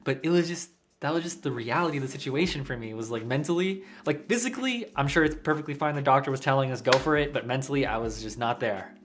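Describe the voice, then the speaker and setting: A young man, a new father, talking casually and earnestly about parenthood, getting animated as he tells stories. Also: medium pitch, fast talker, slight background noise. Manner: earnest, gets animated and laughs telling stories. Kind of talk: casual chat.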